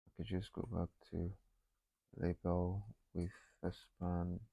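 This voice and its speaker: A man talking himself through a coding tutorial, thinking aloud with frequent pauses and fillers. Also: deep voice, little pitch movement, gravelly, dark tone, breathy edge, no echo, low-quality recording. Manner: thinking aloud, many ums and restarts. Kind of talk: casual screen-recorded coding walkthrough.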